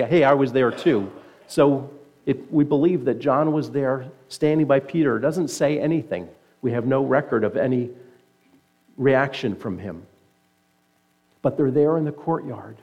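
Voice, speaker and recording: A man preaching a sermon, retelling scripture as vivid story and letting his voice sink low and soft to stress key points. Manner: earnest preaching that drops low and soft for emphasis. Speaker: pastor.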